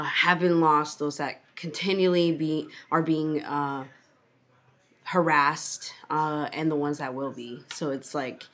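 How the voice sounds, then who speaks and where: A young woman co-hosting a podcast, chatting casually with a low-pitched voice. She rambles, full of fillers and self-corrections as she works through her thoughts. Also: a bit bright. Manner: rambling, many fillers and restarts. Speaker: podcast co-host. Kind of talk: casual chat.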